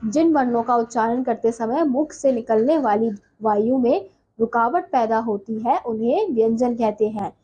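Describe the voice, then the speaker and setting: Female grammar teacher, self-questioning classroom delivery, slightly husky, dark tone. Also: on the high side, lo-fi sound. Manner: asks and answers her own questions, slow and deliberate. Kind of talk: classroom lesson explaining.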